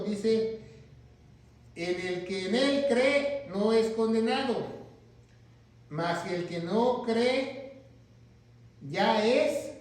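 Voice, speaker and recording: A male pastor teaching a Bible class who keeps asking his listeners questions and then answering them himself. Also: sits high. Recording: echoey room, mic far off.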